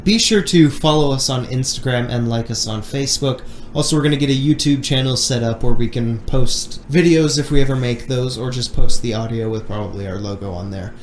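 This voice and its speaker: A man co-hosts a podcast in a loose, joking, teasing chat. His voice has a middling pitch. The room rings back around him with a faint hiss underneath. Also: a little fast, roomy sound. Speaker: podcast co-host. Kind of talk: casual chat.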